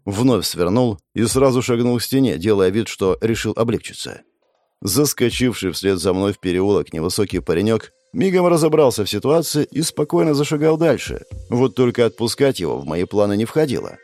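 A man reading a first-person audiobook in an expressive, storytelling voice. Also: on the low side, fairly quick, dry recording. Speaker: audiobook narrator.

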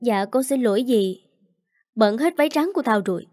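A woman voicing a spiteful, sharp-tongued young woman who scolds with contempt. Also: on the high side, expressive, normal speed, no echo, studio quality, natural voice. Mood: scornful.

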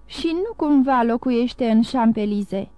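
Audiobook figure, greedy scheming older man, read by a woman, wheedling, warm tone. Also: on the high side, lively intonation, clean tone, no echo, close to an everyday voice. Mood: eager.

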